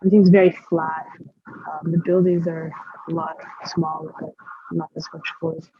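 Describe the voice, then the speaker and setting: A young woman chatting as a guest over a video call, relaxed, with plenty of fillers and sentences that fade off quietly. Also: low-pitched, moderate pace, phone-quality sound, slight background noise. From Canada. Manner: relaxed, trails off softly, many fillers. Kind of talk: casual interview chat.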